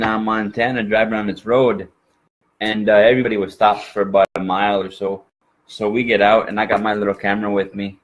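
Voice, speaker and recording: A man from Minnesota, with an exaggerated Minnesota accent, rambles folksily as a guest in a casual interview. His voice is on the low side, and the audio is poor.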